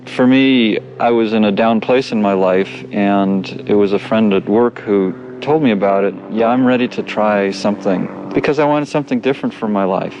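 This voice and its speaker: A man's voice: fairly low pitch, moderate pace, hardly any pauses, a little mellow, dull audio, a little hiss or hum. A man from California speaking carefully and plainly about his course experience. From California, USA. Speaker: course graduate. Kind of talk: testimonial interview.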